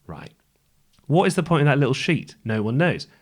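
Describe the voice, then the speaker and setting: A man's voice: medium pitch, expressive, moderate pace, husky. A man, co-hosting a podcast in a studio, chatting and teasing in a playful way. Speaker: podcast co-host. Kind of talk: casual chat.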